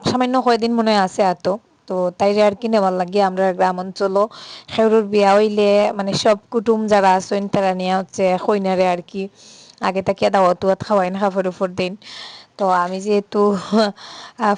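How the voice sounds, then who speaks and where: A woman's voice: medium pitch, a little mellow, dry recording. Chatty Sylheti woman vlogger, dry sound. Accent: Sylheti Bengali. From Sylhet, Bangladesh. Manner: chatty, unhurried, frequent "ah" fillers. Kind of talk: casual vlog narration.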